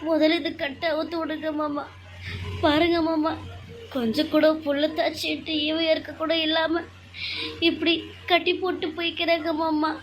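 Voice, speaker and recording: A woman's voice: high voice, level tone, moderate pace, slight background noise, lightly acted, rough recording. A woman voicing a pregnant young woman tied up in a cartoon serial, weak, pained and pleading for help.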